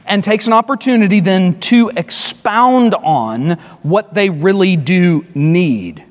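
A man with a high-pitched voice delivers a sermon from the pulpit. He is emphatic, repeats and restarts his phrases, and slows right down to stress key words. His voice rings with the long reverb of a large church hall. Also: animated. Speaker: pastor.

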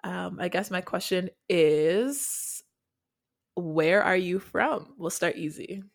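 A woman's voice: lowish voice, slow, vocal fry. Earnest, thoughtful woman podcast co-host. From Nigeria. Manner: thoughtful, earnest, with small laughs. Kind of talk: casual podcast chat.

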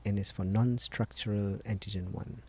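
A man's voice: on the low side, steady tone, moderate pace, slightly rough. A middle-aged man from Sri Lanka, a doctor patiently explaining medical matters as a guest on a podcast interview.

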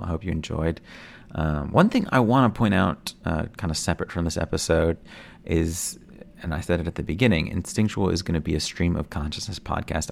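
A man's voice: sits low, vocal fry. A man hosting a stream-of-consciousness podcast, musing reflectively in a rambling way with many fillers and restarts. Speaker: podcast host.

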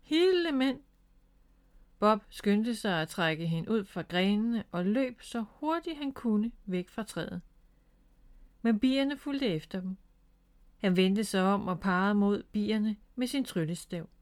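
A woman reading a children's picture book aloud in a calm, gentle way. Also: mid-range voice. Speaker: storyteller.

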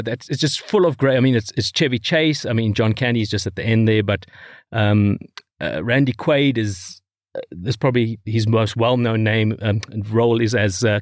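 A middle-aged man, telling stories in a rambling, animated way as a podcast co-host. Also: lowish voice, normal speed, no echo, clean studio sound. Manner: animated storyteller, rambling with restarts. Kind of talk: casual chat.

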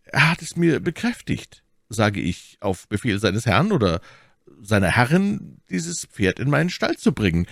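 A man's voice: medium pitch, sing-song, unhurried, vocal fry, fairly bright tone, no room sound, clean studio sound, pitched above the performer's own voice, full character voice. A man reading the part of a witty, elegant musketeer poet in a storybook reading, with an arch, lilting delivery. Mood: sly.

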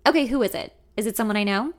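A woman's voice: fairly high pitch, rapid-fire, natural voice. A woman reading the lines of a cynical, protective young man who is a close friend, blunt and teasing. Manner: blunt, teasing, then apologetic.

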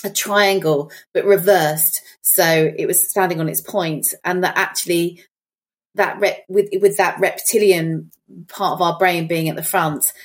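Middle-aged woman, lowish voice, reflective, storytelling podcast chat. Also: steady tone, a little slow. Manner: reflective, storytelling, thinks aloud. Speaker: podcast co-host. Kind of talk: casual chat.

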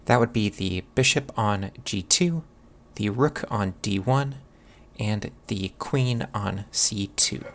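With a lowish voice, a man offers measured, instructional chess commentary, analysing a game and posing questions to the listener.

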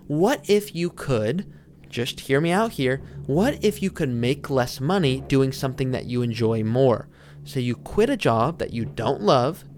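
A man's voice: medium pitch, no echo, studio quality. A man hosting a solo podcast as a financial planner, explaining directly to the listener and posing rhetorical questions. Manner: poses rhetorical questions and answers them.

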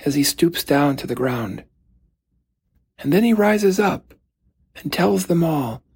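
A man giving a slow, reflective homily as a priest, pausing gently between phrases. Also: high voice, creaky, husky. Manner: slow, gentle, thoughtful pauses.

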